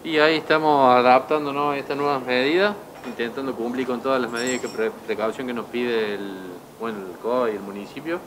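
A man's voice: medium pitch, fairly quick, few pauses. A young man who runs a café bar, speaking matter-of-factly behind the counter into a handheld mic. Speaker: bar owner. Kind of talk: street interview. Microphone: reporter's handheld mic. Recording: noisy café with machines.

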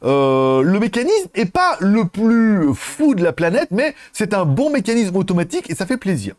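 Animated, joking French-speaking man reviewing gadgets. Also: high voice, moderate pace, no echo. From France. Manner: joking and animated, with playful asides. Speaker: product reviewer and channel host. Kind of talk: casual product review vlog.

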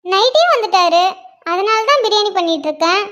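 A woman voicing a calm, matter-of-fact middle-aged mother in a cartoon, speaking lower than her girl character. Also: fairly quick, full character voice.

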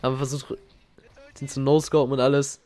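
A young man giving casual, slangy reaction commentary as a gaming YouTuber, excitable and reminiscing. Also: mid-range voice, a little fast, no echo. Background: faint game music.

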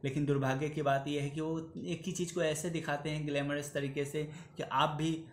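A man's voice: on the high side, flat delivery, normal speed, reverberant, a little hiss or hum. A man in his thirties giving an earnest opinion commentary to camera in a small room, pleading and slipping into English phrases. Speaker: vlogger.

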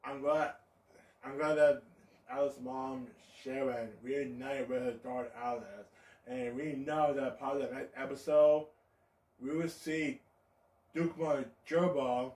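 A man's voice: medium pitch, steady tone, unhurried, a little mellow. A man co-hosting a watch-along stream, chatting casually and hesitantly. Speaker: stream co-host. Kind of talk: casual reaction chat. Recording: echoey, distant from the mic.

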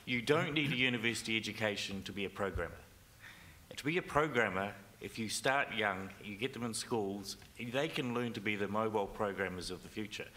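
A man's voice: fairly low pitch, brisk, sharp tone, slight background noise. A man speaking earnestly and urgently as a panelist at a conference discussion. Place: convention centre stage.

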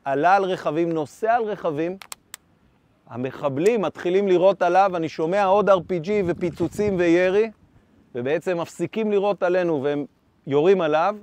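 A man in his fifties who once commanded a tank brigade gives an urgent first-person account of combat, re-enacting the orders he shouted. His voice is high-pitched and the recording is dry.

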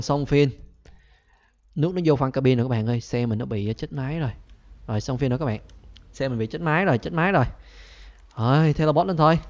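A young man casually narrating a driving game to his viewers, chatty and excitable. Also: mid-range voice, highs cut off. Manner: excitable, chatty, talks to viewers, frequent laughs and squeals. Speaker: gaming channel host. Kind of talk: casual Let's Play commentary.

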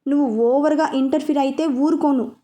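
A woman voicing Dhruv, a rough bossy young man. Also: high-pitched, fairly even intonation, a little fast, dark tone, lightly acted. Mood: angry. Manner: rough, commanding, scolding. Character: hot-tempered young man, bossy and stubborn.

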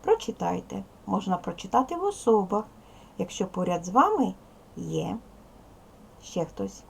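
A woman's voice: medium pitch, sing-song, unhurried, vocal fry, a little hiss or hum. A woman teaching a recorded lesson to young schoolchildren, patient and step by step, counting aloud and speaking to them as little ones. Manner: addresses pupils as little children. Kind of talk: recorded video lesson for second graders.

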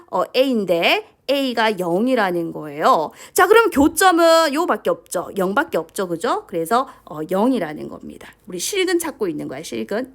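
Female math teacher, animated pitch, high-ish voice, prompting students with constant questions. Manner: lively, keeps asking questions and prompting with "자". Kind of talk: lecture to students.

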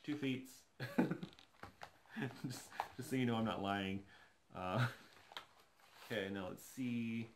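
A man's voice: mid-range voice, slow, pauses often, noisy background. A man in his thirties chatting casually while unboxing a doll in his living room, enthusiastic and thinking aloud as he goes. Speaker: doll collector vlogger. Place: living room, seated on a sofa.

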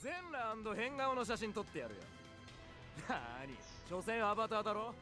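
A hot-tempered male game bully, taunting in a raised, lively voice. His delivery is aggressive and rough-mouthed, with music clearly behind it. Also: high voice, fairly quick. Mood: jeering. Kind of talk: Japanese anime game voice acting.

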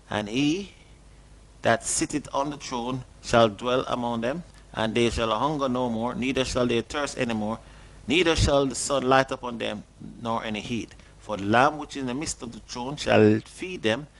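A middle-aged man preaching a sermon and reading scripture at a desk, earnest and questioning, lifting his pitch on stressed words. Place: small indoor studio at a desk.

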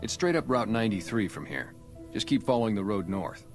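A very deep, blunt ex-gang sniper, voiced by a man for a video game, guarded and matter-of-fact. Clear music plays under his lines. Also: lively intonation, fairly quick, natural voice. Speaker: town security guard. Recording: game audio with music behind.

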